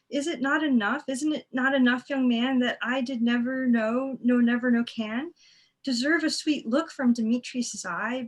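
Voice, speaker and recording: A lovesick young woman, read by a woman, pleading and mocking herself by turns. Her voice sits high throughout this amateur Shakespeare read-through. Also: breathy edge. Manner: pleading, self-mocking, breaks into laughs. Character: forlorn young woman Helena, lovesick and wounded.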